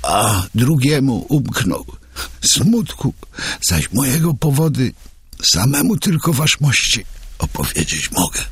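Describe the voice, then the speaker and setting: A grieving old soldier, tearful and solemn, pitched far above the reader's deep voice, as a man puts him on. The rasp and creak of the man's voice stay underneath, close and dry, and the delivery is slow. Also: big pitch swings, no echo, exaggerated voice. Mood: mournful.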